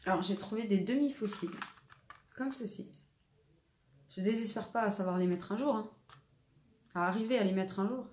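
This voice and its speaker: A woman's voice: mid-range voice, moderate pace, pauses often, darkish tone. A woman talks through her shopping haul in easy, rambling chat, often stopping on filler sounds as she shows each item. Her voice sits in the middle for a woman. The recording is echoey, with faint noise behind her. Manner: rambling, lots of "euh" and "donc" fillers. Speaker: haul vlogger. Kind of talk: casual product haul chat. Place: room at home.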